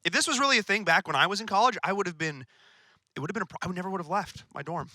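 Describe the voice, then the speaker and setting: A young man casting an esports broadcast, animated and excitable as he reads a sponsor segment. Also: sits high, very fast, no room sound. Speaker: esports caster. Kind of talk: esports commentary and sponsor read.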